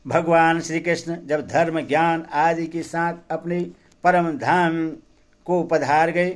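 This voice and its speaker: A man giving a devotional scripture reading in a measured, solemn recitation. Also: fairly high pitch, steady tone. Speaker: scripture reader.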